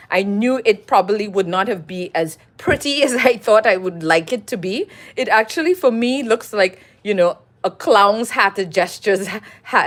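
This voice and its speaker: A middle-aged woman from Trinidad, chatting casually on her own livestream as she talks through her collage work and greets viewers. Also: medium pitch. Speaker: collage artist hosting a livestream. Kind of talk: casual livestream talk while crafting.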